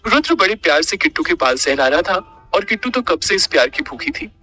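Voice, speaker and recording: A man narrating a romance audiobook with expressive storytelling. His voice is bright and a little high, with faint music behind. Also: fairly quick.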